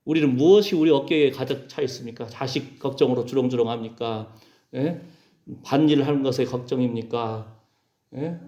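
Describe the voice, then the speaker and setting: A male pastor preaching a lively sermon, acting out quoted voices and calling for amens from the congregation. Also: mid-range voice, normal speed. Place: church sanctuary. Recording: roomy church sound, dull lo-fi.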